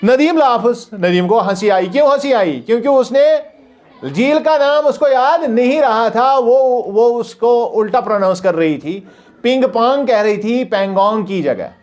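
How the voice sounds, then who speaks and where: Guy teaching english, high animated voice, muffled lo-fi audio. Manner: reads English lines slowly, then explains them in Hindi; asks the class questions and answers them himself. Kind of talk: explaining an English lesson. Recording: dull lo-fi recording.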